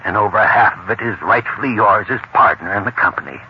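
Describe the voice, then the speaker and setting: An actor playing a stiff, repentant old businessman who speaks haltingly, in old-time radio acting. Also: lowish voice, breathy edge, muffled recording. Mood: contrite. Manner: hesitant, halting. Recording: scratchy old radio recording.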